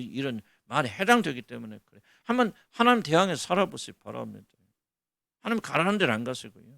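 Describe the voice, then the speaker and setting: A middle-aged male pastor gives a colloquial sermon full of rhetorical questions. His voice sits a little high and swings widely in pitch, with a gravelly rasp. The sound is close and dry, with no room echo. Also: fairly bright tone.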